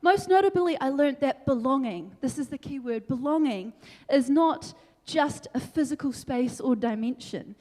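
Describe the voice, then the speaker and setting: A young woman from New Zealand giving an energetic, animated debate speech, laughing between points. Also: high voice, normal speed, few pauses. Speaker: debate speaker. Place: large council meeting hall. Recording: long hall reverb.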